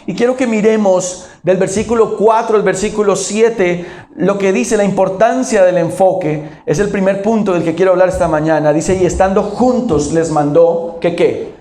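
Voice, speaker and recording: A man's voice: high voice, steady tone, normal speed, warm tone, roomy sound. A man preaching a sermon as pastor, asking the congregation questions and answering them himself.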